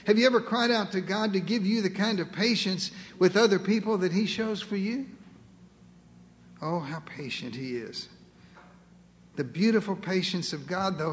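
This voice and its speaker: A high-pitched male preacher delivering a sermon with dramatic, humorous flair, acting out the voices in the story. His voice rings with the long reverb of a large church hall. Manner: dramatic, acts out voices of God and Moses with humor.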